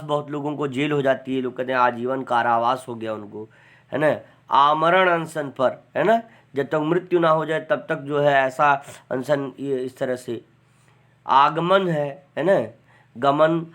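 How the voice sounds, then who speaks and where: A man teaching grammar, chatty, often adding "है ना" and dictating slowly. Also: a little high, fairly bright tone. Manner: dictates word forms slowly and deliberately. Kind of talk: online class lecture.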